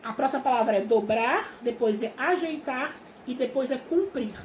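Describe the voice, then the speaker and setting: A high-pitched Brazilian woman teaching a young class, patient and clear, stretching out words syllable by syllable. Her voice rings in an echoey room. A faint hiss sits under the recording. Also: animated, moderate pace. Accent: Brazilian Portuguese. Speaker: primary school teacher. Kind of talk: remote class explanation.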